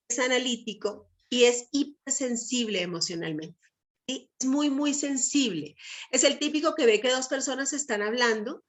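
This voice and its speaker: Middle-aged woman teaching with tag questions. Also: high voice. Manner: peppers speech with tag questions to listeners; lively, emphatic delivery. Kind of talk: Bible teaching talk.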